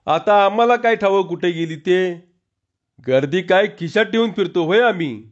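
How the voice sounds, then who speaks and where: A man voicing an angry, defiant village carpenter who answers back in rough rustic speech, on a dull lo-fi recording. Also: high-pitched, normal speed, voice pushed up, close to an everyday voice. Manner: defiant, shouting.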